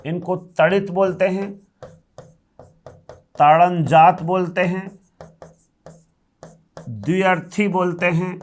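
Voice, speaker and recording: A man's voice: high voice, steady tone, slow pace, pauses often, soft background music. A male Hindi grammar teacher giving a classroom lecture, explaining step by step, asking questions and answering them himself, and repeating key terms.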